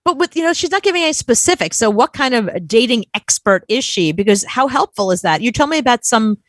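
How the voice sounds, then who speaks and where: A woman's voice: a little high, lively intonation, fast, no room sound. A woman co-hosting a talk show, reacting bluntly and with frequent laughter. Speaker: radio co-host. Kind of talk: casual chat.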